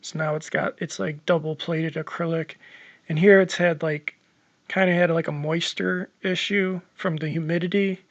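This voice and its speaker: A man's voice: on the high side, steady tone, normal speed, no echo, muffled recording. A man casually narrating his home-repair project, rambling with lots of ums and the odd swear word, his voice a bit worn. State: losing his voice. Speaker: homeowner vlogger.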